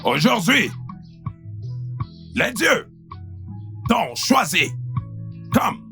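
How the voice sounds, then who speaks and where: A man's voice: high voice, sing-song, extremely slow, vocal fry, bright, forceful tone, soft background music, full character voice. An actor playing a village elder in a dubbed film, chanting ceremonial calls and crowning a new king. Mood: reassuring.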